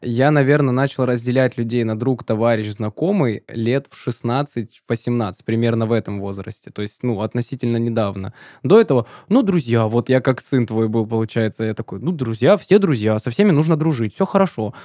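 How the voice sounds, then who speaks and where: A man's voice: mid-range voice, brisk, hardly any pauses, mellow, no room sound. A twenty-one-year-old man co-hosting a casual studio podcast, earnest and thinking aloud. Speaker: podcast co-host.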